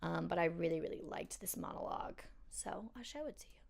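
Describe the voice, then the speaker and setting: A woman's voice: on the low side, expressive, fairly quick, gravelly, a little mellow. A young woman chatting casually and self-deprecatingly as she reacts to her own audition tapes.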